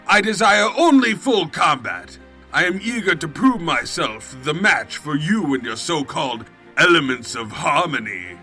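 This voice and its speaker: A man's voice: a little high, big pitch swings, a little slow, bright, forceful tone, soft background music, exaggerated voice. A man playing an evil, scheming, cowardly pony king in a comedic audio drama, pompous and melodramatic. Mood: grandiose menace. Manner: pompous, melodramatic, slipping into evasive excuses. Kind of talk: comedic fan fiction audio drama acting.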